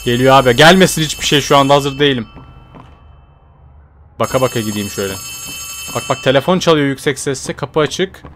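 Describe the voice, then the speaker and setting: A young man giving chatty horror game commentary, talking to his viewers, jumping from low mutters to startled shouts. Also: brisk, pauses often, slight background noise. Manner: chatty, addresses viewers directly. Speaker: gaming YouTuber.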